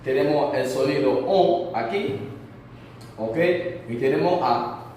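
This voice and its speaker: A man's voice: medium pitch, slow pace, a little mellow, far from the mic, a little hiss or hum. Patient male language teacher in an echoey room. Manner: patient, repeats words for the learner to echo. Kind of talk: spoken language lesson.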